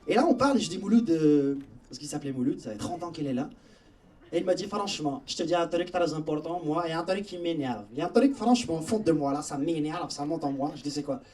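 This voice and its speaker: A man's voice: on the high side, lively intonation, fast, a little mellow, distant mic. A young man from Algeria, telling stories in a chatty stand-up comedy set on a theatre stage, speaking straight to the audience. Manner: chatty storytelling, addresses audience directly.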